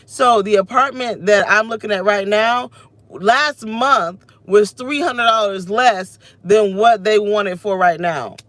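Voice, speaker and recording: Sitting in her parked car, a woman in her thirties rants unscripted into a phone camera held close, venting and restlessly cutting herself off. Her scratchy voice is medium-pitched and a bit bright, she speaks slowly, and the recording is dry.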